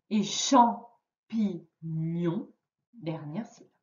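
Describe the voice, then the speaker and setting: A woman teaching a young child to read in a remote lesson, giving patient, clearly articulated instructions. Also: high voice, a little mellow. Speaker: primary school teacher. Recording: roomy, distant, dull lo-fi sound.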